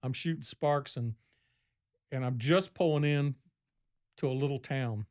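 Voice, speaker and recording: A man's voice: medium pitch, unhurried, a little mellow. A man, a podcast guest, telling a long story casually, rambling and acting out what people said. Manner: rambling, acts out quoted speech in a raised voice.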